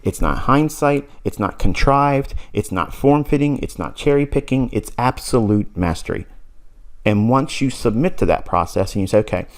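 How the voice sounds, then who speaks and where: A man's voice: medium pitch, lively intonation, normal speed. A man in his forties giving a recorded trading mentorship lesson, blunt and insistent, repeating points and laughing briefly. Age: 40s. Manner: blunt, insistent, lecturing with repetition and short laughs.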